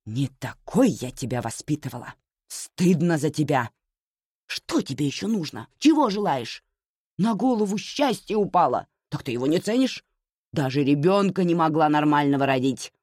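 A woman's voice: low-pitched, big pitch swings, normal speed, a little mellow, dry recording, clean studio sound. A woman voicing a scolding older mother. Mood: reproachful. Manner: scolding, lamenting.

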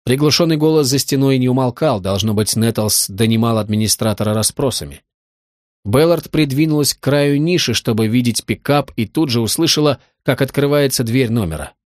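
Male audiobook narrator, mid pitch, dry close studio sound, steady. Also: no echo. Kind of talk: scripted narration.

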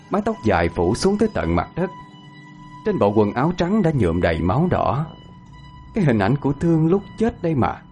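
A man with a Southern Vietnamese accent narrating a horror story slowly and with suspense. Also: mid-range voice, a little mellow. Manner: slow, suspenseful.

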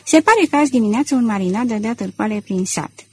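A woman voicing a loyal, deferential male customs guard reporting to his boss, with a husky voice. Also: on the high side, lively intonation, warm tone. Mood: dutiful. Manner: respectful, matter-of-fact reporting.

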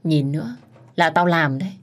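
A woman's voice: deep voice, lively intonation, moderate pace. A woman voicing a cocky young male servant, brash and teasing toward the girl he loves.

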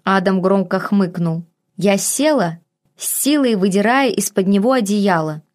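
Woman narrator, audiobook reader, measured first-person storytelling. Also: medium pitch, lively intonation, darkish tone.

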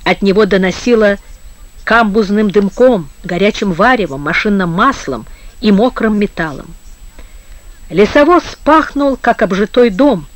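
Casting: male narrator, high tenor, measured expressive storytelling, dry booth sound. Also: no room sound, lo-fi sound. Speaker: audiobook narrator. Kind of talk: literary audiobook narration.

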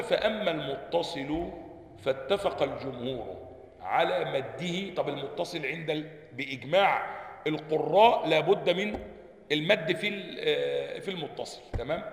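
A man's voice: a little high, vocal fry. A man with an Egyptian accent, a sheikh teaching a lesson on a book. He reads a passage aloud, explains it, and keeps asking his listeners questions before answering them himself. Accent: Egyptian Arabic. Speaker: sheikh teaching Quran sciences. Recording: echoey hall with long reverb.

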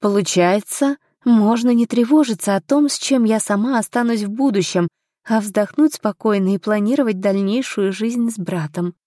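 A woman's voice: mid-range voice, normal speed, mellow, no room sound, clean studio sound, lightly acted. A woman reading an audiobook, voicing a determined, polite young noblewoman of twenty in a raised, earnest voice.

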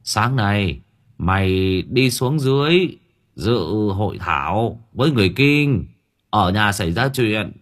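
A man's voice: fairly low pitch, animated, slow. A man voicing a blunt village man in an audiobook. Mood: uneasy.

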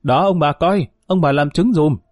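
A man's voice: fairly high pitch, darkish tone, no room sound, clean studio sound, close to an everyday voice. Man doing a blustering fawning shopkeeper. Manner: fast, blustering, wheedling.

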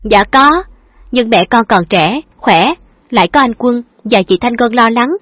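A woman voicing a lively, affectionate young woman who is playful and teasing, with a chirpy, coaxing manner. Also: on the high side, unhurried, dry recording. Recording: dull lo-fi dry recording.

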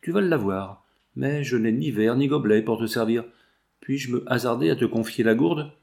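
A man's voice: mid-range voice, moderate pace, creaky, darkish tone, lightly acted. A man voicing a sly, guarded young male brigand in an audiobook. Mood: offhand. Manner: offhand, evasive.

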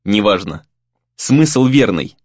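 A man voicing a calm, steady young male spell-caster hero who speaks in a reassuring way in an audiobook. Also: fairly low pitch, slow, no room sound, lo-fi sound, heavily acted.

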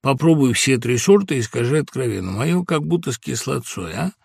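A man's voice: medium pitch, expressive, fairly quick, creaky, darkish tone, husky, no echo, studio quality. A man voicing a huge, sleepy, good-natured older man who grumbles and sighs, in an audiobook reading. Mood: fussy. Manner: grumbling, sighing.

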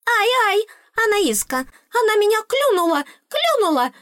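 A tiny, bratty tooth fairy squeals in a shrill, squeaky voice that sits far above an ordinary speaking pitch. She snaps back in a grumpy, cheeky way, and the dry, close recording carries no room sound. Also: very animated, measured pace, fairly bright tone, no echo, exaggerated voice. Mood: whiny. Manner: bratty, snappish. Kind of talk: audiobook character voice.

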